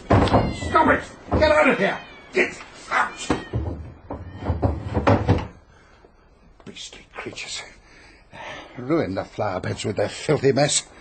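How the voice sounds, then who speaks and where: A man performs a full character voice for a radio drama, playing a blustering, complaining, self-pitying English hypochondriac of the upper class who is pompous and peevish. Here he erupts in a furious outburst, his lowish voice slightly bright, with a little hiss or hum in the recording.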